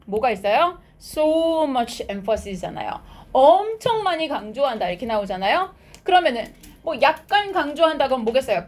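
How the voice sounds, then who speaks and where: A woman teaching high school English, explaining a textbook passage in a lively lecture and reading out English phrases as she asks her students questions and answers them herself. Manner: switches between Korean explanation and English phrases.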